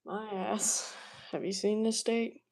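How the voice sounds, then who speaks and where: Slow-talking sarcastic young woman. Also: mid-range voice, little pitch movement, creaky, darkish tone, rough recording. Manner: sarcastic, swears freely. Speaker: weather streamer. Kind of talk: casual commentary while browsing.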